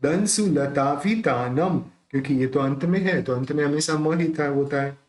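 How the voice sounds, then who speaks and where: A man teaching careful pronunciation of a devotional hymn, chanting verses slowly between quick explanations. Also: on the high side, poor audio. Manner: slow deliberate chanting alternating with quick explanations. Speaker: recitation teacher.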